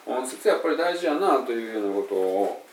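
A man's voice: mid-range voice, sing-song, fairly quick, background noise. A man with a Kansai accent giving an informal pronunciation lesson, explaining by saying example phrases aloud. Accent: Kansai Japanese. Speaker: English pronunciation teacher. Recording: roomy and distant from the mic.

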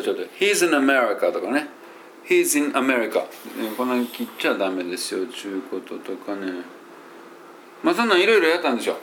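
A man who teaches English pronunciation, chatting loosely in an audio diary with many fillers and self-corrections, and slowing down to demonstrate English phrases. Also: medium pitch, slight background noise. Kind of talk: casual spoken audio diary.

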